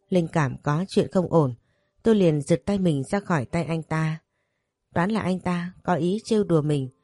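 A woman tells a first-person story at a brisk, steady clip. Her voice is low and mellow, recorded dry and close. Faint music plays underneath. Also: no echo. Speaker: narrator.

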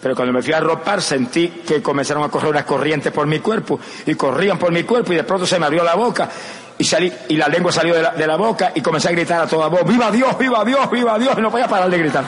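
This is an older evangelist from Puerto Rico, his male voice fairly high and his pace quick. With a Puerto Rican Spanish accent, he preaches a passionate sermon built around his personal testimony, shifting from soft stories to loud shouting. Crowd sounds and echo come from the hall recording.

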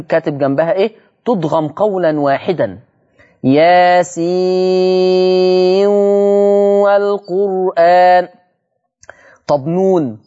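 A male Egyptian religious teacher gives a televised lesson on recitation. His fairly high voice repeats terms slowly and keeps checking with the listeners through rhetorical questions. The broadcast audio sounds muffled and lo-fi. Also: darkish tone, husky. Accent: Egyptian Arabic.

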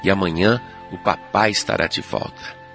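A man's voice: sits low, moderate pace, pitched below the performer's own voice. A man voicing a loving father of two young children. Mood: tender. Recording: loud music and rain behind.

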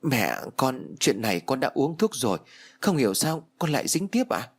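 A man's voice: medium pitch, big pitch swings, normal speed, slightly rough. A man voicing a frightened, meek young pregnant wife who pleads in an audiobook. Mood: pleading. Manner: pleading, timid.

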